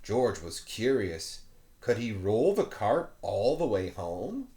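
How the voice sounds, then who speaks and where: With a warm, low-leaning voice that is very animated, this man takes his time reading a children's picture book. As a teacher and story reader, he performs expressively and tosses in playful remarks to the kids listening.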